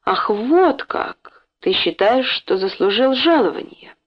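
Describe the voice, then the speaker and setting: A woman's voice: fairly high pitch, animated, slow, dull audio. Woman reading as a sly, mocking factory boss. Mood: scheming. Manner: falsely kind, mocking. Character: sly, smug older male factory owner.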